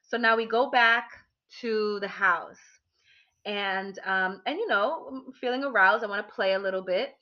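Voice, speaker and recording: A woman's voice: mid-range voice, moderate pace. A woman candidly telling a personal story to her listeners, talking animatedly with many restarts and fillers. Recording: dull lo-fi recording.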